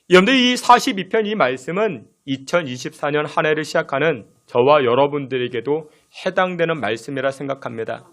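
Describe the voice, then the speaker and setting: Korean pastor preaching, rising and falling emphasis. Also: male voice. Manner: rhetorical questions to the congregation; shifts between loud emphasis and soft low phrases. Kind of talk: sermon. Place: church sanctuary.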